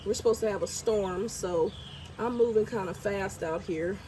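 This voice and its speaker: A woman's voice: medium pitch, normal speed, mellow, a little hiss or hum. A congested woman vlogging as she plants her garden outdoors, chatty and thinking aloud while she works. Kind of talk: casual vlog narration while gardening. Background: birds and outdoor ambience.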